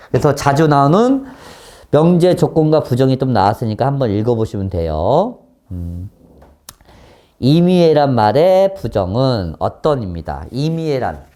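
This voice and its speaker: A man with a mid-range voice teaches a math class, frequently pausing to make sure students are following. He moves between polite and blunt speech and lets out sudden loud exclamations.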